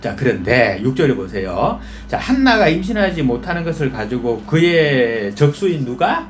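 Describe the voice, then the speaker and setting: A man's voice: mid-range voice, sing-song, normal speed, faint music behind. A male pastor preaching in a folksy storytelling manner, often asking the congregation questions. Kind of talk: conversational sermon.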